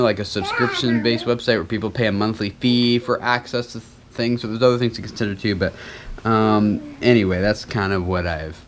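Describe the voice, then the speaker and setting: A young man chatting casually and playfully in a home family vlog, as a father talking to small children and to viewers. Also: on the low side. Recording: clear background noise.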